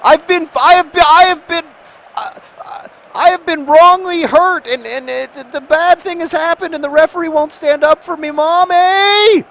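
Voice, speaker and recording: A man's voice: moderate pace, gravelly, a bit bright, full character voice. A man putting on the voice of a grown male footballer who wails and complains after a foul. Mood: whining. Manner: shrill, wailing, self-pitying.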